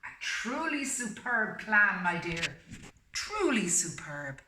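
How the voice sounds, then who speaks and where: A woman voicing an agreeable old lighthouse keeper in a read-aloud storybook, speaking slowly and properly. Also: mid-range voice, big pitch swings, background noise. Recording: echoey room, far from mic.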